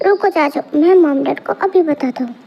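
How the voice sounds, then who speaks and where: A woman's voice: high-pitched, normal speed, vocal fry, muffled recording. A woman voicing a playful, mischievous little boy in an amateur fan dub, pleading and chattering. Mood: excited.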